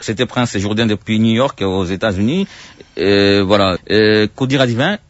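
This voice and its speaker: Radio host guy, lowish voice, halting phrasing, dull dry sound. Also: expressive. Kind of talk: live interview and call-in hosting.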